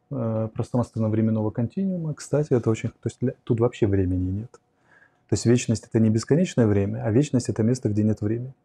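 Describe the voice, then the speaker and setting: This livestream lecture covers philosophy and psychology, with a forties-aged man reflectively answering viewers' philosophy questions while explaining at a whiteboard. He speaks at medium pitch, warm and a bit breathy. A lapel mic records him in a studio room hung with curtains.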